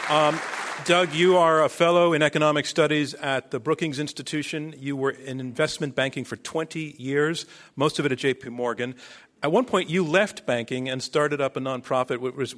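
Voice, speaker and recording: Higher-pitched man moderating before a crowd. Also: steady tone, brisk, fairly bright tone. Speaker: debate moderator. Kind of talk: live stage hosting, introductions. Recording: live hall with audience behind. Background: audience.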